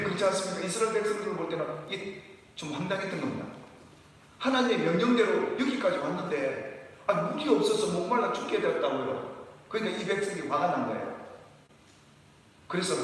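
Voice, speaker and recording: Animated male pastor in an echoey hall. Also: sits high, distant mic. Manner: animated preaching, often acts out complaints as questions. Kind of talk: sermon.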